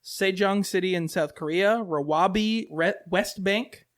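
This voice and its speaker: A man's voice: sits high, unhurried. A man co-hosting a casual beer podcast, chatting and laughing often. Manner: laughs often, lively and animated. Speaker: podcast co-host. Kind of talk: casual chat.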